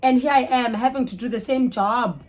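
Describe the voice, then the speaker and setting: With a fairly high voice and moderate pace, this South African woman, whose accent is Xhosa, tells a story casually and with lots of expression as a vlogger. Animated and exclamatory, she switches languages mid-sentence and plays out the dialogue.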